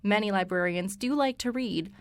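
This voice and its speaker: A young woman co-hosting a student radio show, reading a scripted segment in a brisk, wry way. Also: mid-range voice, dry recording. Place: radio studio.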